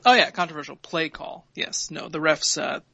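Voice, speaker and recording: A man hosting a casual sports podcast, recapping plays in quick, wry detail. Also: on the high side, gravelly, bright, forceful tone, breathy edge, no echo, lo-fi sound. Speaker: podcast host.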